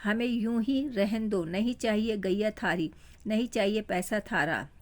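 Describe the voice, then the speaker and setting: A stubborn old village grandmother who shouts her demands loudly, slowly and firmly, voiced by a woman reading a play. She drags her words out and refuses to back down. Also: medium pitch, close to an everyday voice. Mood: defiant. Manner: shouting, firm.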